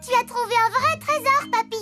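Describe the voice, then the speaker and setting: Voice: very high-pitched, brisk, over music. A performer voicing a cheerful, curious little girl piglet in a French cartoon dub, eager and full of questions. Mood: excited.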